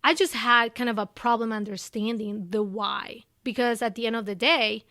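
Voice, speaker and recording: A young woman from Ecuador with a Spanish accent talks animatedly as an interview guest, peppering her English with "you know" and "like". Her voice sits fairly high, and the sound is close and dry with little room around it. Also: steady tone, moderate pace, sharp tone, no room sound. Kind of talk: casual interview conversation.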